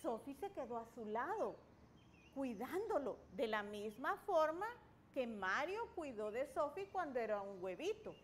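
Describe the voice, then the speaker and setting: A middle-aged woman with a high voice speaks as a storyteller for children. Her delivery is expressive and very melodic, with faint noise behind her. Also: measured pace. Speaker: guest children's author and teacher.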